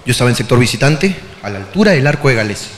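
A man with a Peruvian accent telling a comic story as a podcast host, animated and profane, often breaking into shouts. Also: mid-range voice, rapid-fire, long reverb tail, slight background noise. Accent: Peruvian Spanish. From Peru.

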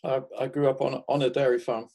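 A man in his sixties from England speaks as an interview guest in an easy, conversational way. His voice is mellow and warm at a middle pitch. He laughs softly between thoughts and often restarts his sentences. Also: level tone, fast talker. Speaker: guest market gardener.

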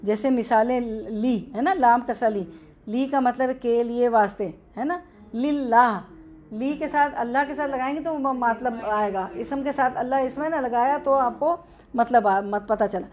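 A woman's voice: fairly high pitch, moderate pace, darkish tone. A woman with an Urdu accent teaching a classroom grammar lesson, explaining step by step and answering her own questions.

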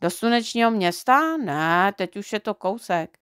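A woman's voice: mid-range voice, expressive, fairly bright tone, clean tone, no echo, studio quality, natural voice. A woman voicing a friendly, chatty male driver in a storybook reading, explaining things at length.

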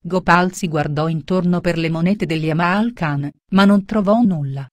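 A woman narrating a religious children's story in a steady, plain reading voice. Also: lowish voice, normal speed, no echo.

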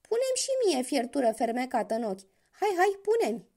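A woman voicing a big, foolish, ugly horned male devil in a spoken fairy tale, loud, greedy and boastful. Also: a little high, very animated. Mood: greedy, eager.

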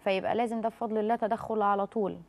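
With a mid-range, slightly mellow voice that barely shifts in pitch, a woman doctor in her thirties gives medical advice as a talk-show guest in a TV studio. Her Egyptian accent comes through as she speaks fast, reassures callers, and calls them "dear."

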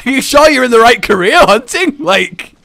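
An excitable man teasing his way through casual gameplay banter. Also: very high-pitched, moderate pace, vocal fry, no room sound. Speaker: gaming video host. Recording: music behind the voice. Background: game music.

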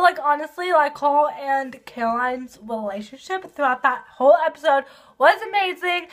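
A woman doing a casual video review of a TV episode, gushing and excitable, with lots of fillers. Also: high-pitched.

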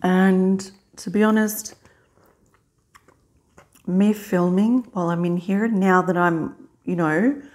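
A middle-aged woman in a casual mukbang vlog, chewing while talking in a halting, unhurried way with pauses to eat. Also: lowish voice, fairly even intonation, a little mellow. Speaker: vlogger. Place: small indoor hospital room.

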